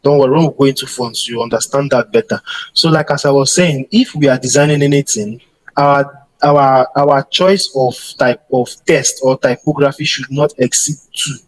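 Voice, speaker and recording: A man's voice: mid-range voice, moderate pace, rough recording. A man teaching a design class, often repeating and restarting his words and speaking straight to his students. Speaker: design instructor. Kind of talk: classroom lecture on slides. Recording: voice over strong background music.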